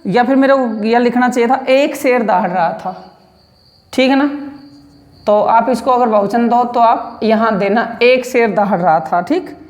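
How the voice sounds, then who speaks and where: Lady teacher going through translation really slowly, keeps checking in w the kids, big echoey room. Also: a little high, darkish tone. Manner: slow, repetitive, checks in often with rhetorical questions. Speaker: English teacher. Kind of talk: classroom grammar lesson explaining Hindi-to-English translation.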